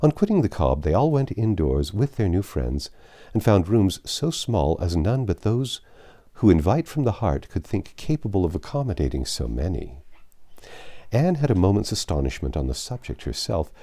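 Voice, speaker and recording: This low-voiced man narrates classic literary fiction as an audiobook, telling the story in a measured and expressive way.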